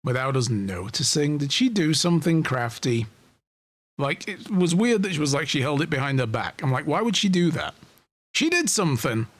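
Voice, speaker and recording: A man's voice: fairly high pitch, big pitch swings, normal speed. A man giving informal, casual commentary on a story as he reads it, puzzling things out aloud.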